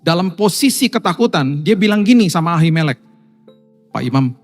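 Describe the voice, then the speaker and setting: A male pastor with an Indonesian accent preaching a sermon to his congregation, swinging between hushed, intimate passages and loud, emphatic ones. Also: sits high, lively intonation, fast, faint music behind. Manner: addresses congregation as Bapak Ibu.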